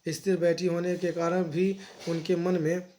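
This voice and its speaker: A man teaching an exam lesson, reading verses slowly and then explaining them briskly. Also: sits high, flat delivery, mellow, slight background noise.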